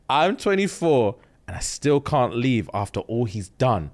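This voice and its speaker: A man's voice: medium pitch, takes it slowly. A man, co-hosting a podcast in casual banter and laughing often. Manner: animated, laughs often, London slang. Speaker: podcast co-host. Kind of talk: casual chat.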